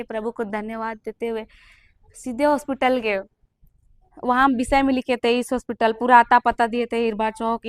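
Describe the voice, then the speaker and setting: A woman's voice: fairly high pitch, clear, resonant tone, dry recording. Earnest young woman. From Jharkhand, India. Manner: earnest and emotional, acting out the people she quotes. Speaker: testimony giver.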